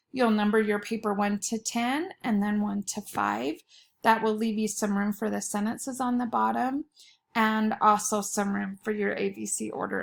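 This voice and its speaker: Slow, careful woman teacher with creaky voice. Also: fairly high pitch, fairly bright tone. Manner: slow, careful dictation with words set apart and repeated. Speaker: elementary school teacher. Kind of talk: dictating a spelling test.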